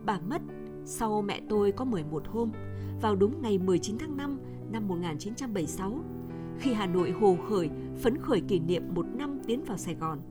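A woman reading a novel aloud as a radio story, in a measured, even narrating manner over faint music. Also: mid-range voice.

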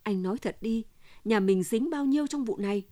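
A woman's voice: a little high, brisk, warm tone, dry recording, lightly acted. A woman voicing a distraught wife who keeps pressing her husband for the truth, in an insistent, pleading manner.

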